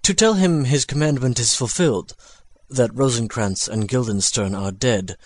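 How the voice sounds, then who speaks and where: A man's voice: medium pitch, moderate pace, no room sound, lightly acted. Man playing a grave, formal ambassador, dry sound. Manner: formal declamation. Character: grave English ambassador bearing late news. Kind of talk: Shakespearean tragedy audio acting.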